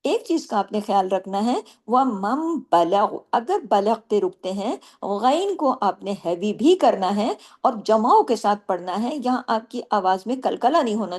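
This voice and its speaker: A woman with a slightly high voice teaches Quran recitation rules. She explains each point patiently, often asking a question and answering it herself. Between explanations she recites words slowly and draws them out. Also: a little mellow. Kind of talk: tajweed lesson with recitation.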